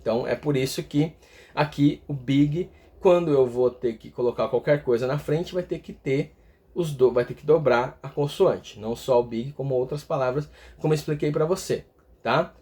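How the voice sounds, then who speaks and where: A man with a medium-pitched, mellow voice explains English grammar at a moderate pace in a video lesson. He breaks things down step by step and keeps checking in with viewers, finishing phrases with "tá?".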